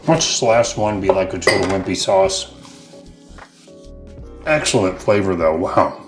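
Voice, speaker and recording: A man's voice: low voice, animated, a little slow. A man co-hosting a show, chatting casually and enthusiastically as he tastes hot sauces. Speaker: co-host of a local food and small business show. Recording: roomy echo with music.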